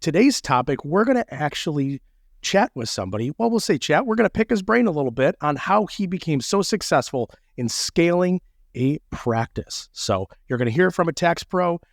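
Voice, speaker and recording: Man, podcast host, joking, animated, dry sound. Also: on the high side, moderate pace, no room sound. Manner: playful, joking. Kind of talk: casual podcast chat.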